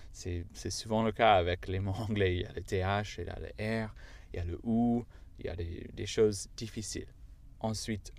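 A man whose first language is English, speaking French with an American accent, patiently teaching a language lesson step by step. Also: fairly low pitch.

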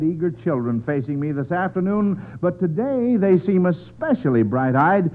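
An American man works as quizmaster in old radio announcer style. His voice is notably high for a man. The 1940s recording is narrow and tinny. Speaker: quiz show host.

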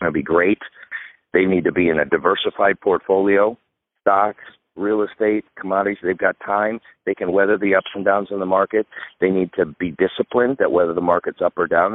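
On a dry, tinny phone line with no echo, a man in his fifties speaks as a guest retirement expert in a radio interview. His voice is low-pitched. He is emphatic and instructive, walking listeners through his advice in clear steps.

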